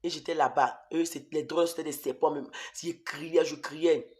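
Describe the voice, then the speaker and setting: A man's voice: a little high, fairly even intonation, moderate pace. A man preaching an emotional testimony sermon, repeating phrases emphatically and addressing his listeners as beloved.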